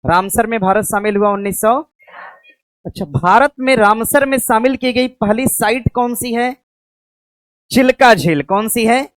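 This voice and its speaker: A woman teacher, lecturing an exam-prep class. She asks questions, answers them herself and slowly dictates notes. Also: fairly high pitch, dry recording. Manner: slow dictation of notes to write down.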